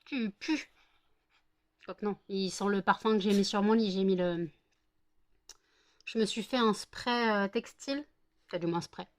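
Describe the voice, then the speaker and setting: A woman's voice: mid-range voice, a little slow, long pauses. A French woman vlogging at home, chatting and cooing baby talk to her dogs with playful teasing. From France. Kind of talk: casual chat to her dogs.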